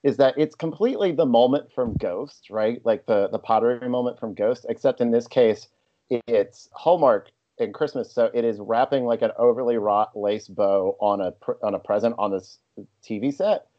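A man's voice: medium pitch, normal speed, highs cut off. A man co-hosting a podcast, joking in casual chat with rambling asides. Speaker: podcast co-host.

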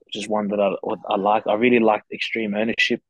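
A man's voice: on the low side, little pitch movement, fast talker, dry recording, lo-fi sound. A man chatting casually as a rugby player guest, laid-back and matey with slangy talk. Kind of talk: casual interview chat.

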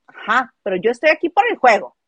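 Lively Mexican woman dishing gossip. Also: fairly high pitch, fast talker, no room sound. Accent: Mexican Spanish. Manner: animated, mimics people in quotes. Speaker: host. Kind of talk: casual gossip chat.

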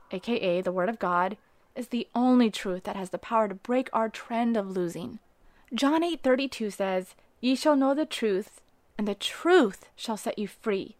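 A woman's voice: a little high, no room sound. Earnest woman reading a devotional. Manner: earnest, rising to emphatic preaching on key phrases.

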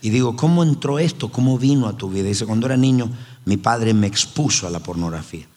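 Man, pastor, emphatic sermon, husky voice, long hall echo. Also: mid-range voice, animated, fairly quick, warm tone. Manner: emphatic preaching, repeats phrases.

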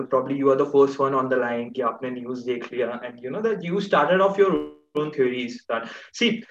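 A man with a North Indian accent hosting a casual discussion, talking in a halting, rambling way and mixing English with Hindi. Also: on the high side. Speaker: host. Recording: roomy echo, distant mic, dull sound.

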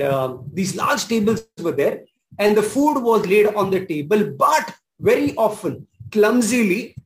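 A man's voice: high voice, rough recording. A man preaching a sermon as pastor, emphatic and repeating his key phrases with exclamations.

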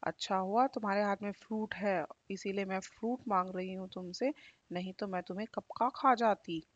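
A woman voicing a bossy, greedy female cat in a storybook tale for children, loud and demanding. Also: medium pitch, fairly even intonation, moderate pace, no room sound, highs cut off, close to an everyday voice. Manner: demanding, pushy.

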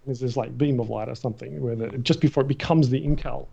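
A middle-aged Australian man, a guest in a casual interview, telling stories in an animated way and acting out the voices of the people in them. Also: mid-range voice, fast talker, gravelly, breathy edge. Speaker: guest, matte painter. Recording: dull, muffled recording.

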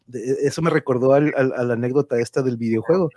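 A man's voice: mid-range voice, fast talker, warm tone, no echo, studio quality. A man with a Mexican accent chatting casually and ramblingly as the host of an online livestream.

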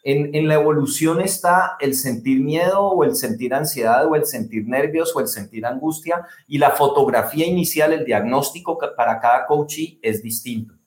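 Man, speaking coach, expressive and emphatic, slightly high voice, echoey room. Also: moderate pace, few pauses. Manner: expressive, exaggerates word stress to demonstrate. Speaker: guest, public speaking coach. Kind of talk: animated explanatory talk. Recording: roomy echo.

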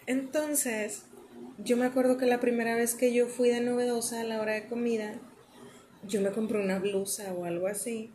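A young woman with a Mexican accent, chatting casually and telling lively, slangy stories as a podcast co-host. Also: on the high side, moderate pace, a little hiss or hum. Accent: Mexican Spanish. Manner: animated, slangy, acts out quotes. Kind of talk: casual storytelling chat.

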